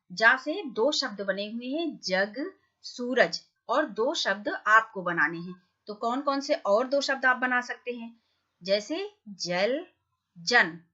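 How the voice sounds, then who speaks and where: A woman's voice: fairly high pitch, pushed and bright, dull audio. A woman teaching a Hindi lesson to young children, patiently asking questions and answering them herself.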